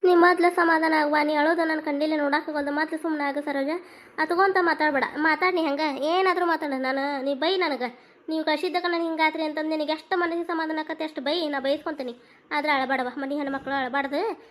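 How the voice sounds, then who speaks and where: A woman voicing a motherly older village woman who soothes and gently scolds in a North Karnataka accent. Her voice stays high and light, and her delivery is homely and unpolished, as in a homemade family drama. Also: steady tone, brisk. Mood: consoling. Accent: North Karnataka Kannada. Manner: soothing, scolding-kind advice.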